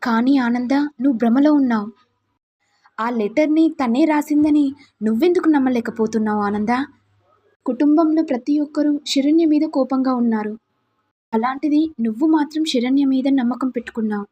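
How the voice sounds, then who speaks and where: A sly older relative who needles and insinuates, as a woman narrator puts her on. The voice stays high and husky with a mellow, dark tone, in a spoken family drama retelling. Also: normal speed. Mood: insinuating. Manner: insinuating, persuasive.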